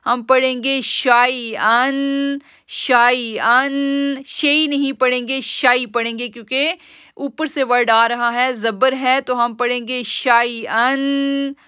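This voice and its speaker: A woman teaching Quran recitation rules in a live-streamed lesson, explaining patiently step by step and drawing out each word slowly as she recites it. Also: high-pitched, fairly even intonation, pushed and bright, clear, resonant tone, no echo, clean studio sound.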